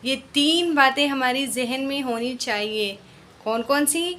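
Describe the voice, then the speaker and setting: A woman teaching how to read Quranic letters, explaining patiently and drilling each syllable slowly. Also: high voice, a bit bright, a little hiss or hum. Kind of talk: slow spoken recitation lesson.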